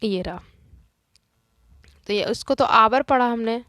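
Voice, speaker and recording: A woman's voice: a little high, slow, bright, forceful tone, no room sound. A woman teacher working through a grammar lesson, explaining each answer step by step and asking and answering her own questions.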